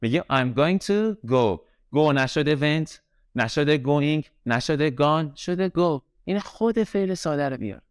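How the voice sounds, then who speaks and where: Persian-accented male English teacher, crisp and dry. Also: a little high, animated, no echo. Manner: slows right down to spell out English example sentences; repeats key words for drill. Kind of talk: recorded grammar lesson.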